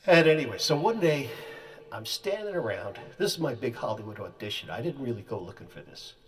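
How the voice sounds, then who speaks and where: A man telling a comic personal story in animated, colorful, folksy phrasing, heard from a distance. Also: medium pitch.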